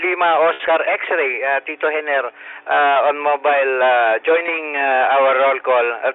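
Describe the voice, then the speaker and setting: Older Filipino man over two-way radio. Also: on the high side. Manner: halting, frequent "ah" fillers, spells call signs phonetically. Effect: two-way radio transmission. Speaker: net control operator of an amateur radio roll call. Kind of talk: radio net roll call in mixed Tagalog and English. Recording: narrow two-way radio band.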